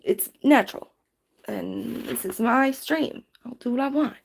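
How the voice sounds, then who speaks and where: Woman streamer, sleepy and rambling, slow, unhurried delivery, casual late-night chat. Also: fairly high pitch, wildly swooping pitch, slight background noise. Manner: rambling, drowsy, chatty. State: sleepy, yawning. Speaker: livestreamer.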